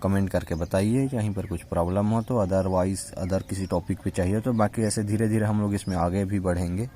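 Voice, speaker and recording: Low-voiced male teacher, question-and-answer style. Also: fairly even intonation, normal speed, warm tone, a little hiss or hum. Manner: asks the class questions and answers them himself; repeats "ठीक है" as a constant check-in. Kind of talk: spoken Hindi grammar lesson.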